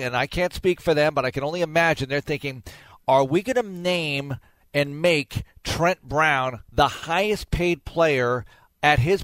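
A middle-aged man leads a sports talk monologue. He is emphatic and conversational and leans on rhetorical questions. His voice sits at an ordinary pitch and sounds dry and close to the mic. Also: fairly bright tone, no room sound. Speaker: sports radio host.

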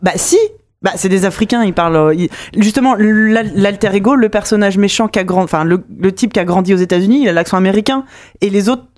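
A podcast co-host in a casual discussion, with a mid-range pitch. The voice cuts in often and explains things eagerly. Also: fast.

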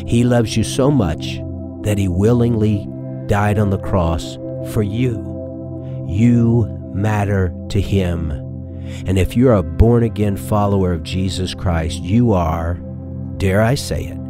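Pastor guy preaching on a podcast, low voice, music going underneath. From Texas. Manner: earnest, conversational preaching with rhetorical questions. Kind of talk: podcast sermon. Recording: with background music.

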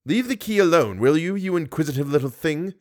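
A man's voice: fairly high pitch, lively intonation, a little fast, voice pushed up. Man acting out a menacing, possessive male monster. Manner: taunting, demanding.

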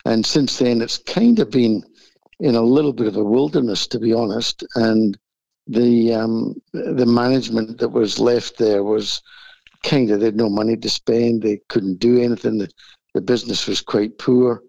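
A man with a croaky frog voice from the flu, talking in an easygoing, informal way as an interview guest. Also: mid-range voice, fairly even intonation, normal speed, darkish tone, no echo. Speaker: race track owner, interview guest. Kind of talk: casual interview. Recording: muffled, dull lo-fi sound.

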